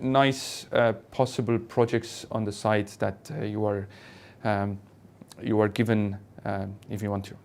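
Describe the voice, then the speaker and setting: A man with a lowish, slightly mellow voice speaks as an airline pilot and instructor. He answers online Q&A questions in a hesitant, measured way.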